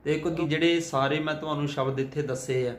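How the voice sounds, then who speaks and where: A man's voice: a little high, steady tone. Punjabi man teaching careful pronunciation, echoey room. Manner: slow, careful spelling-out of letters and vowel signs. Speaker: Sikh scripture reader and teacher. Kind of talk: chanted scripture recitation, then pronunciation lesson. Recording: echoey room with faint ambient noise.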